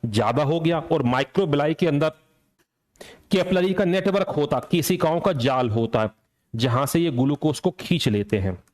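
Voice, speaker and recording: Higher-voiced man teaching an exam lecture. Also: lively intonation, moderate pace, a little mellow. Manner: asks and answers his own questions; repeats key points for drilling.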